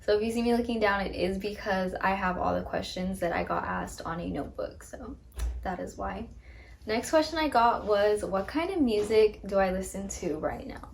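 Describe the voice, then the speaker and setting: A woman's voice: mid-range voice, expressive, normal speed, creaky. Young woman in her twenties, casual Q&A host, bubbly, phone-recorded, faint noise behind. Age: 20s. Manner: upbeat, chatty, frequent ums. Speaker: podcast host. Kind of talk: casual get-to-know-me chat. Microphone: phone camera.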